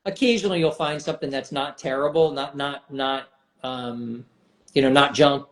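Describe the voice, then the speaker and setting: A man hosting a casual chat show, animated and quick to laugh as he tells stories. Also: medium pitch, reverberant. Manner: animated, laughs often, acts out quoted dialogue. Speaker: podcast host.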